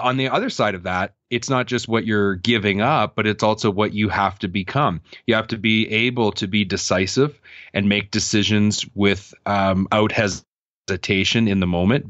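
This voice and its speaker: A man in his thirties, a podcast guest, answers interview questions earnestly and reflectively, often restarting his sentences. His voice is on the low side and a bit bright, with no echo but dull audio.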